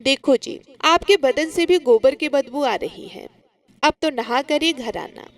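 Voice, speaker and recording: A woman's voice: high-pitched, a little slow. A woman voicing a scornful, irritable young daughter-in-law in a told story. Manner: irritated, scolding.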